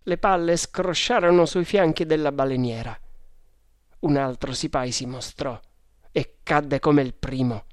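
A man reading an adventure story aloud in a measured, dramatic way. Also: a little high, darkish tone, dry recording, studio quality. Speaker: narrator. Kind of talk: audiobook narration.

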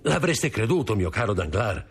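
A man voicing an earnest, kindly male shipowner in a raised pitch, as in an audiobook. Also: big pitch swings, moderate pace, slightly rough, soft background music, exaggerated voice. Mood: troubled. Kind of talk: audiobook character voice.

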